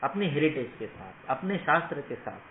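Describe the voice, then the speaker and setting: A man's voice: on the high side, sing-song, moderate pace, echoey room, narrow, tinny audio, slight background noise. A man teaching Ayurveda students in an emphatic motivational lecture, often asking the class rhetorical questions. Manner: emphatic, rhetorical questions, mixes English phrases.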